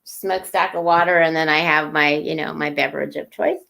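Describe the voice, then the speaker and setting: A woman in her fifties, a guest in a casual video chat, relaxed and storytelling with easy laughs. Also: sits low, a little fast, vocal fry.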